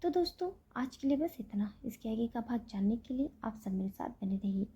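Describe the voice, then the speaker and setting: A woman narrating a romantic drama story in a soft, even storytelling manner and addressing her listeners. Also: a little high, fairly quick, husky.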